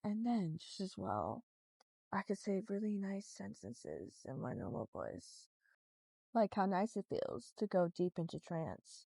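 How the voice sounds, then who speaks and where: Soft, slow-talking hypnotist woman. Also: mid-range voice, big pitch swings, creaky, dry recording. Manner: switches between a slow, soft hypnotic voice and a cheerful everyday voice. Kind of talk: soothing hypnosis talk.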